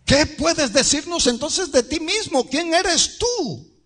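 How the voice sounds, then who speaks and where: A man voicing a group of temple priests, insistent and demanding, who fire loud, high questions. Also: expressive, takes it slowly, heavily acted.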